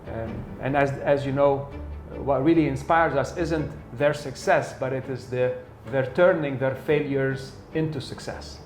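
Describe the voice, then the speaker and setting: With soft music playing behind him, this man, an interview host and sales trainer, talks at medium pitch and a measured pace with few pauses. He's conversational and uses lots of fillers, recorded in an echoey room with faint ambience.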